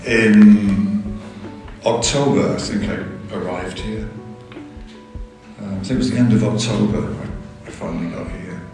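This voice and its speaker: Teacher, very slow and lowish voice, distant mic in a very echoey room. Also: male voice. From north England, raised in Cornwall. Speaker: English teacher. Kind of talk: casual interview answers. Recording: very echoey, distant, music underneath.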